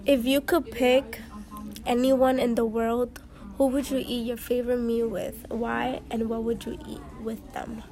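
A woman's voice: a little high, level tone, measured pace, dark tone. A woman interviewing someone, chatty and curious, asking follow-up questions. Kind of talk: casual interview. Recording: noisy crowd behind. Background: crowd chatter.

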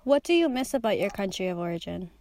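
A woman with a medium-pitched, animated voice speaks quickly amid heavy background noise. She is running an oral history interview via remote video call, posing short plain questions with hesitant follow-ups.

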